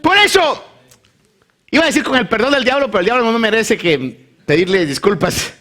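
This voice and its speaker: A man's voice: high-pitched, fast talker. A male pastor preaching a sermon, reading scripture and acting out the people in the story. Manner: animated preaching, acts out voices of the Bible story.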